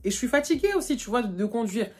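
A young woman from France, telling a casual storytime to her vlog audience in animated, slangy talk full of fillers. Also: a little high, quick pace, slightly rough. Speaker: vlogger. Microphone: phone.

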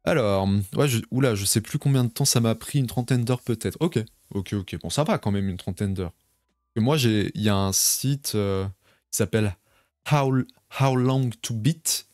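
A man's voice: mid-range voice, normal speed, darkish tone, no room sound, studio quality. A young man casually chatting with his viewers during a home live stream, rambling and reading out chat messages. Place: home bedroom.

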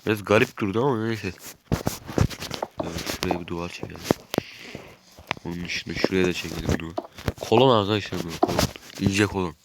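A man's voice: sits low, a little fast, pauses often, heavy background noise. A man with a stuffy nose chatting casually as he narrates his game while building, thinking aloud. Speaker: gaming YouTuber. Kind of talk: casual gameplay commentary.

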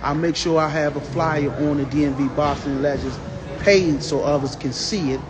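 A man's voice: a little high, steady tone, moderate pace, background noise. Upbeat man interviewing in a gym. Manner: upbeat, repeats "yes, indeed". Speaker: host interviewer. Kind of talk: casual on-site interview. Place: indoor boxing gym.

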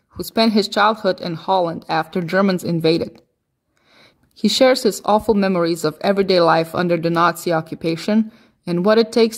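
A woman narrating a scripted voice-over introduction to an interview in a measured, earnest way. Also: fairly low pitch.

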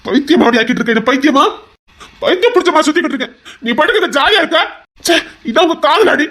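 A man's voice: very high voice, expressive, rapid-fire, bright, forceful tone, heavily acted. A man with a Tirunelveli Tamil accent playing a young male heart doctor, a possessive lover who pleads and turns to threats. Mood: anguished. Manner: pleading, insistent, turning threatening. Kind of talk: audio drama acting.

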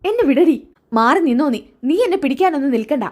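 A woman voicing a quick-tempered young woman who whines and snaps at her family. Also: high-pitched, lively intonation, a little mellow, pitched above the performer's own voice. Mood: snapping. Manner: whiny, snapping.

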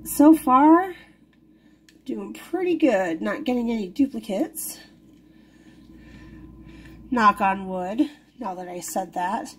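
A toy unboxing vlogger speaks slowly in an expressive, slightly high voice with long pauses, over a little hiss or hum. Seated at an indoor wooden table, she chats casually and giggles with easy delight while a camera above films just her hands.

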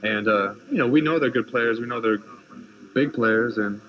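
A young college basketball player in his twenties speaking in a measured way in a postgame interview, with many fillers. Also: mid-range voice. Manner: measured, many you-knows. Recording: lo-fi 1990s TV clip with crowd.

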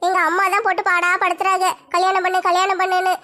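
A woman voicing a fretful young village woman in a comic skit, with a squeaky, pitched-up voice. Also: completely flat delivery. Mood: worried. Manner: rapid, bright, squeaky high voice. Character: young village woman, upset, fretting over marriage.

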